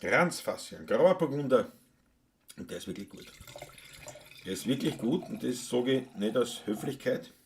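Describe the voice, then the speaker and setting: A man with a Viennese accent, chatting casually and gruffly on a solo live stream, joking and cursing between songs. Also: medium pitch, expressive, a little slow, pauses often, a little hiss or hum. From Austria. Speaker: solo livestream musician. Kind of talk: casual live-stream chat with Wienerlied singing. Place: home, indoors.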